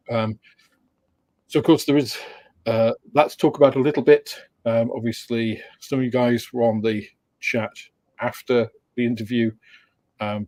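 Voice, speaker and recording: With a mid-range, slightly mellow voice, the host of a model-building livestream greets his audience in a casual chat. His welcome wanders and stalls, peppered with fillers and light laughter.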